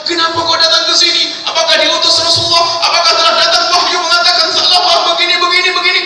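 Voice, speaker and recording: A high, trembling young companion pleads in tearful shame, as a male preacher acts him out in a sermon. His voice rises sharply and bright. It carries through an echoey mosque hall, picked up from far away. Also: monotone, fast, slight background noise, full character voice. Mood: frightened pleading.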